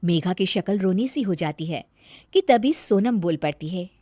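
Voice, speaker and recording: A woman narrating a family story in an expressive storybook reading style. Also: fairly low pitch, moderate pace, no room sound, studio quality. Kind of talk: scripted narration.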